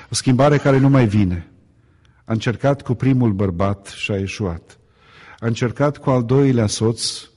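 A man's voice: medium pitch, warm tone. A man preaching a sermon, addressing the congregation with rhetorical questions and building emphasis by repeating phrases. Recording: long hall reverb.

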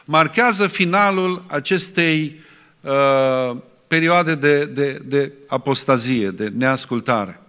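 A man's voice: medium pitch, pushed and bright, clear, resonant tone, in a large hall. A man preaching a sermon earnestly, asking his listeners rhetorical questions.

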